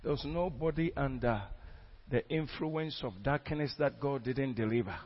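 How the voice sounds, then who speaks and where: At normal speed and mid-range pitch, a man preaches a sermon testimony about a crusade, fervent and exclamatory with frequent repetitions. The recording is dull and lo-fi.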